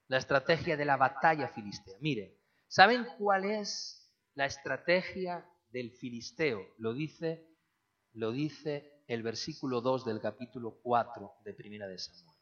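A man preaching a sermon, firing rhetorical questions and swinging between hushed, low passages and loud, emphatic ones. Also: muffled recording.

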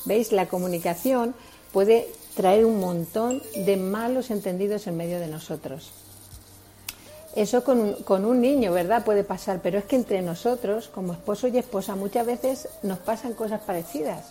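Mellow-voiced Spanish woman preaching. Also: mid-range voice, moderate pace. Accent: Spain Spanish. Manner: earnest, explanatory, asks rhetorical questions. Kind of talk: sermon on marriage.

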